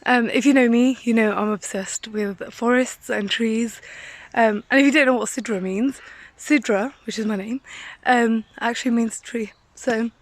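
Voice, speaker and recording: A woman's voice: a little high, steady tone, moderate pace, no room sound, poor audio. A woman in her twenties chatting casually for a vlog while walking up a steep hill outdoors, rambling with lots of "like", recorded on a handheld phone. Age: 20s. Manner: chatty and rambling, heavy use of "like". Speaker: vlogger.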